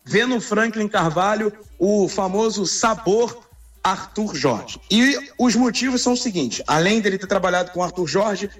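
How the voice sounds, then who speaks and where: A man phoning in as a sports reporter on speakerphone, giving a measured, informative report with the occasional filler. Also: high voice, lively intonation. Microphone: phone on speakerphone. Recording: distant speakerphone call.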